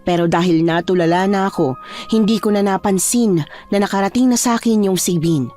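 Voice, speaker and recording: A woman narrating a true horror story in first person in a hushed, measured way over faint music. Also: mid-range voice.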